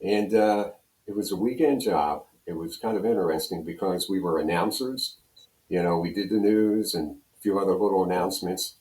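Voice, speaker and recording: With a deep, slightly mellow voice at a moderate pace, a seventy-something American from Pennsylvania, a radio program director and on-air personality, reminisces as an interview guest. His storytelling is casual and rambling with frequent repeated phrases, and the room sounds roomy and echoing.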